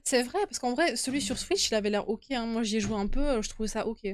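High-voiced scared woman horror game streamer. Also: fast talker, dry recording, clean studio sound. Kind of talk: casual live game commentary, chatting with viewers. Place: indoor room at home.

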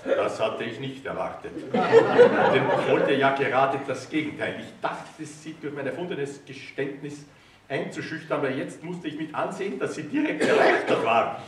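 A man's voice: medium pitch, moderate pace. Wry man reading cabaret. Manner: wry, lively storytelling. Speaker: reader. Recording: roomy hall, distant mic.

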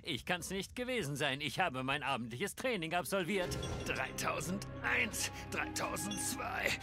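A boastful macho athlete in a German cartoon dub. The voice is high and gravelly with big swings, aggressive and bullying. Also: male voice, expressive, measured pace, over music.

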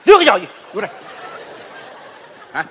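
A man playing a quarrelsome middle-aged husband in a stage comedy, shouting accusations in rapid back-and-forth. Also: high voice, huge pitch swings, a little hiss or hum. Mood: bickering. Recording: stage hall reverb, faint audience.

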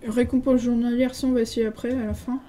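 A French gaming video creator talks fast with a flat delivery while touring a game server, casually and hesitantly reading signs aloud amid lots of filler sounds. Her voice is a little high and mellow. The rough recording has slight background noise.

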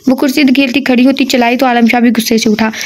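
A woman's voice: a little high, steady tone, fast, slight background noise. A woman reading an audio novel aloud, breaking off now and then for chatty asides to her listeners.

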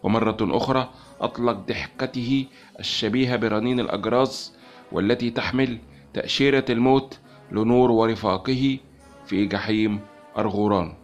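A man narrating a science-fiction novel as an audiobook in a measured storytelling manner. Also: lowish voice, fairly even intonation, muffled recording, faint music behind.

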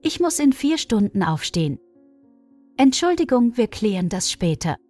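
A woman's voice: a little high, very animated, moderate pace, a little mellow, soft background music. Woman reading as a weary male surgeon. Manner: pleading, worn-out.

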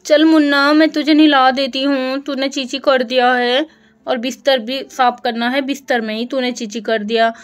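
This is a busy, caring village mother, as a woman voices her for a doll story. She talks in a coaxing, motherly way in a high, light voice, with soft music behind. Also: fairly even intonation, moderate pace, close to an everyday voice. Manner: coaxing and motherly, fond pet names.

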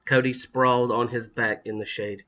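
Bright-voiced man reading a storybook. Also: medium pitch, moderate pace, lo-fi sound. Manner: steady, plain reading with small slips. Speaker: audiobook reader. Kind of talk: storybook narration.

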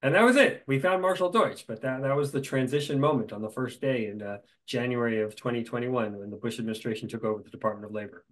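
A middle-aged man, a guest in a conversation, telling stories in a lively way with dry humor. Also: medium pitch, quick pace, hardly any pauses, poor audio.

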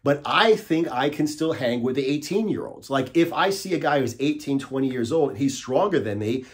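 A man's voice: mid-range voice, animated, normal speed. Emphatic man in his forties coaching. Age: 40s. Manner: emphatic, repeats "okay?" to drive points home. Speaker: fitness coach. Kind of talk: direct-to-camera fitness talk. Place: small indoor studio, plain grey backdrop.

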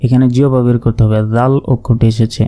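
A man with a Bangladeshi Bengali accent teaching Quran recitation, spelling out each word letter by letter in a slow, methodical way. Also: medium pitch, flat delivery, mellow.

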